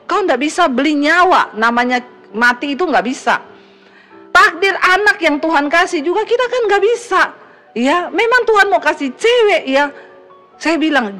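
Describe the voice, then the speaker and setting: A middle-aged woman pastor preaching a sermon, emphatic, swinging between loud exhortation and hushed asides, and acting out the people she quotes in a raised voice. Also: sits high.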